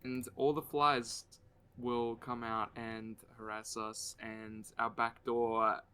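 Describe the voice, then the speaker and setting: A man's voice: mid-range voice, flat delivery, slow, bright, forceful tone, clean tone. An Australian man co-hosting a casual chat while drawing, with dry, jokey asides. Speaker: co-host.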